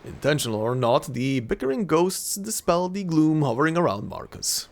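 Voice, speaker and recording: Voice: medium pitch, very animated, normal speed. A let's player reading game narration aloud and adding casual commentary.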